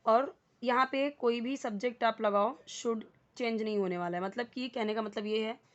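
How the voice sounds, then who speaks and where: Higher-voiced Indian woman teaching English. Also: lo-fi sound. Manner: explains slowly, repeating words and spelling out meanings. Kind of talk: spoken English lesson.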